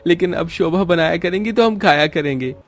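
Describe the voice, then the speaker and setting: A man voicing a relaxed young husband and brother-in-law in a cartoon story, casual and offhand. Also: on the high side, normal speed, close to an everyday voice. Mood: light.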